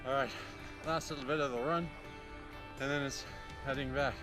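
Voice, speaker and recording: A man's voice: mid-range voice, fairly even intonation, normal speed, over music. Cold man talking outdoors in the snow. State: cold, lips numb. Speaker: vlogger. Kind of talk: casual talk to camera. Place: outdoors in snowy woods.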